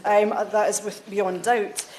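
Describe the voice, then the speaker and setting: A woman's voice: medium pitch, fairly even intonation, takes it slowly, a little mellow, echoey room, slight background noise. A woman member of parliament giving an earnest, insistent debate speech, with stumbles and self-corrections. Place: debating chamber.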